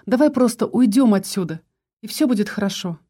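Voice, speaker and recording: A weary young wife who gives soft, evasive, sighing answers, as a woman reads her lines. The voice is mellow and gentle, close to the narrator's own, in a storybook reading. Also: medium pitch, animated, brisk, natural voice.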